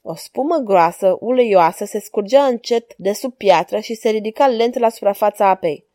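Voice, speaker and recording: A woman narrating a story in a calm, even reading voice. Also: mid-range voice, no room sound, studio quality.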